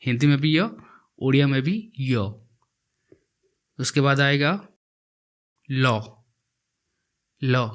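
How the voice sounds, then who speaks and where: Male teacher, unhurried voice-over alphabet lesson, patient repetition. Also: mid-range voice, fairly even intonation. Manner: repeats each letter slowly while writing it. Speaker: language teacher.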